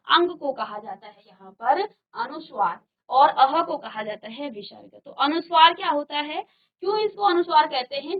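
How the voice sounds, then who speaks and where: In a high voice, a female teacher runs a virtual class, walking through the material step by step and pausing to quiz her students. The recording is dull and lo-fi.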